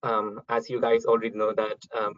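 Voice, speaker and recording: Young male webinar host, monotone, casual with fillers, dull dry call audio. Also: lowish voice, brisk, no room sound. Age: young adult. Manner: relaxed, many ums. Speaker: event host, chairman. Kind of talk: online webinar introduction.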